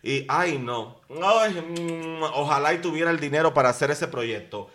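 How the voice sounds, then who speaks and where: A man's voice: a little high, expressive, normal speed, a bit bright. A man, hosting a podcast and gossiping about a reality show in a chatty, dramatic way, full of slang. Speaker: podcast host. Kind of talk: casual gossip commentary.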